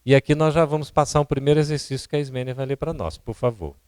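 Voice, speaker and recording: A Brazilian man lectures a seminar audience in a didactic way, often asking them questions. His voice sits at an ordinary middle pitch. The sound is dry and close. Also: fairly even intonation, fast talker, darkish tone, smooth, no echo. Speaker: seminar speaker. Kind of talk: lecture on public speaking. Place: seminar hall at a spiritist centre.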